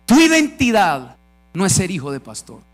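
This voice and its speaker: Colombian guy preaching at a conference, high voice, punchy and emphatic, gets the crowd to answer. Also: wildly swooping pitch, normal speed. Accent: Colombian Spanish. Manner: emphatic, calls for audience responses. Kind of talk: conference sermon. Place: church conference stage.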